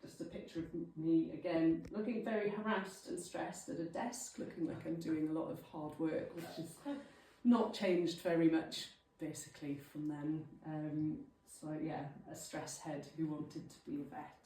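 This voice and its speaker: Speaking to a local group in a village hall, a Welsh woman in her thirties, a native Welsh speaker and guest speaker, is informal, chatty, and self-deprecating. Her voice is low, steady, and mellow, moving at a moderate pace with hardly any pauses, and the distant mic picks up hall echo plus a little hiss or hum.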